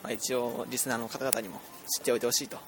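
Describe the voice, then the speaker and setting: A man's voice: mid-range voice, level tone, racing, noisy background. A young man from Fukui, Japan, hosting a casual radio chat while walking through a department store, self-deprecating and laughing often. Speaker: radio show host. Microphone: earphone mic held between two people.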